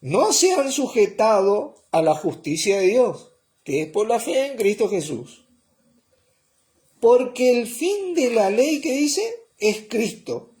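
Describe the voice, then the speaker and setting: Slow, lively-voiced male preacher. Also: extremely high pitch. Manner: slow and explanatory, often checking with "¿eh?" and "¿mm?". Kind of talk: sermon.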